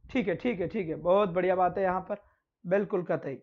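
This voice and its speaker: A male teacher runs a live online class, asking a question and then answering it himself. His voice sits high for a man and comes through a dull, muffled recording. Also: fairly even intonation, fairly quick. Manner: repeats his own questions and answers them, calls students "beta".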